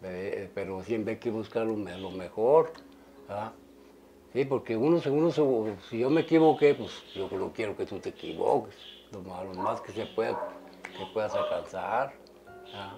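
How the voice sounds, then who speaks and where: A man's voice: fairly low pitch, normal speed, dark tone, a little hiss or hum, low-quality recording. An older man, a father being interviewed, giving rambling advice full of restarts and tag questions. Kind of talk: casual family interview.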